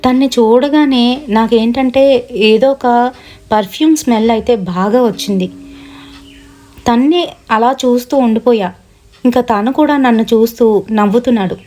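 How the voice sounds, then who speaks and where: Female storyteller, fairly high voice, conversational first-person horror narration. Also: normal speed, pauses often, warm tone. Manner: conversational, recounting events with quoted dialogue.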